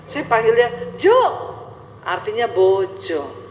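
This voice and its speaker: A middle-aged woman pastor with a Sulawesi Indonesian accent, telling stories in an animated sermon with high rising tones. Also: normal speed, roomy sound, background noise. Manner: animated storytelling, high rising tones, addresses congregation as saudara.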